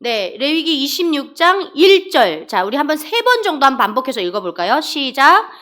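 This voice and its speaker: A woman's voice: sits high, very animated, moderate pace, a bit bright. A woman from Korea, speaking, preaches a sermon as a deaconess. She tells stories, acts out dialogues and asks the congregation questions. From North Korea.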